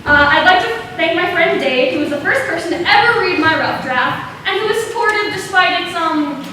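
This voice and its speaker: A young woman with a very high, expressive voice speaks at a moderate pace, sounding pushed and bright. As the playwright of a school play, she gives an earnest, slightly hesitant, informal welcome before the show. A distant video camera at the back captures her in an echoey, noisy performance hall with a seated audience.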